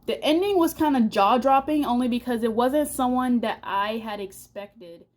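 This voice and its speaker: Young woman, book vlogger, slightly high voice, rambling, filler-heavy, a bit out of breath. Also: moderate pace. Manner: chatty and rambling, with many fillers and restarts. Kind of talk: casual book review.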